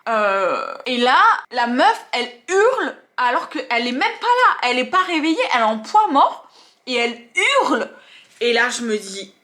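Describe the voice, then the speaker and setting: A woman's voice: fairly high pitch, moderate pace. A woman tattoo artist telling stories from her work in a vlog, acting out the scenes and the things people said as she goes. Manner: animated, acts out scenes and quotes. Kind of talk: storytelling vlog.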